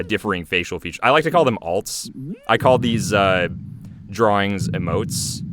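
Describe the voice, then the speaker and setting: Commenting off the cuff on an animation he made, this creator and voice actor speaks in a fairly low voice, hesitant and rambling. He tends to play down his own work, and the episode's other voices come through clearly in the background.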